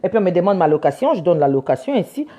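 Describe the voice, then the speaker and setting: A woman's voice: fairly low pitch, very animated, very fast, mellow. A woman lawyer emphatically retelling a run-in, indignant and insistent as she acts out both sides. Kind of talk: casual storytelling. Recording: dull lo-fi recording.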